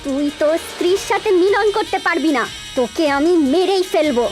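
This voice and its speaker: A woman's voice: very high-pitched, expressive, fairly quick. A woman playing a grieving, vengeful female serpent in a melodramatic film, theatrical and threatening. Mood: vengeful anguish. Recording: loud film music behind voice.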